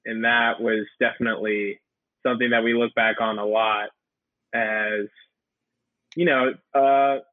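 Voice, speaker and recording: A young man co-hosting a podcast, relaxed and a bit hesitant, with fillers. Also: mid-range voice, unhurried, pauses often, no echo. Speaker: podcast co-host. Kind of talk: casual podcast chat. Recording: tinny phone-like line, dry.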